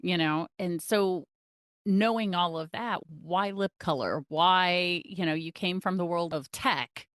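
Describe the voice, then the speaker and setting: A woman's voice: on the low side, measured pace, fairly bright tone, no room sound, clean studio sound. A woman hosting an interview, enthusiastic and asking long, rambling questions. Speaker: podcast host. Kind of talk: interview conversation.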